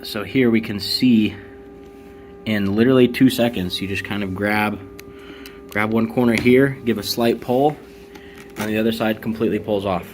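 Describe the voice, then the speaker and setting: Male motovlogger, lowish pitch, casual explanatory product walkthrough, slight background noise. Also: fairly even intonation, moderate pace. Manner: informal, conversational explaining. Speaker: motovlogger presenting gear.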